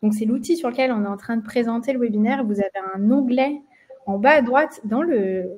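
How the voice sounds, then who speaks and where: A woman's voice: on the high side, brisk, a little mellow. Hesitant French woman hosting a webinar. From France. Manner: many fillers, hesitant restarts. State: slight frog in the throat. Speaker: webinar host, marketing manager. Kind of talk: live webinar presentation.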